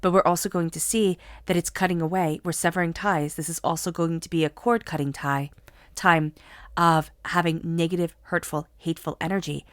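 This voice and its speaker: A woman tarot reader, alone on camera, reads cards for her viewers while fighting a cold, moving from a soothing guided meditation into an earnest, encouraging spiritual pep talk. Her voice is fairly low and steady, at normal speed, with no room sound.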